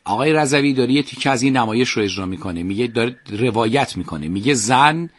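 A man's voice: mid-range voice, expressive, no room sound. A man hosting a radio call-in game show, laying out the rules and patiently steering a caller back on track. His voice sits in a mid register and is recorded close and dry, with no room around it. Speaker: radio quiz host.

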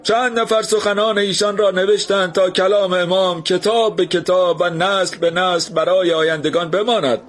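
A man's voice: sits high, steady tone, pauses often, voice pushed up, natural voice. A man voicing a solemn old man who declaims to a crowd.

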